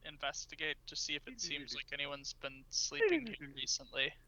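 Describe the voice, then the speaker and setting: A man's voice: fairly high pitch, very animated, normal speed, sharp tone, rough recording. A man playing a tabletop game, talking through his moves in an easygoing, practical way. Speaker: player. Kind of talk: casual tabletop play.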